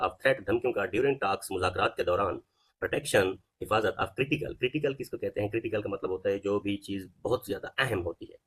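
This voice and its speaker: Man, Pakistani Urdu accent, husky voice, lowish pitch, vocabulary teacher, explains then quizzes. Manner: explains each word, then asks what it means. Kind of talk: vocabulary lesson.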